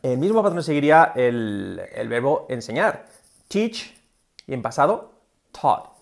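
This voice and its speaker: A man's voice: mid-range voice, very animated, a little slow, gravelly. A man giving a casual video lesson on English pronunciation, explaining with many fillers and modelling English words. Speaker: English teacher.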